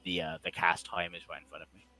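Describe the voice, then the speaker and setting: Bright-voiced joking male game commentator. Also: sits low, level tone, no echo, low-quality recording. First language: not English. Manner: joking, chatty, quick to apologize. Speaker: esports commentator.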